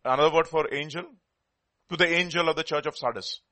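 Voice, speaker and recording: A man with a South Indian Telugu accent delivers a sermon in a somewhat high voice. He teaches as he preaches, repeating key words for emphasis and asking rhetorical questions of his listeners. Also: a little fast, bright, forceful tone.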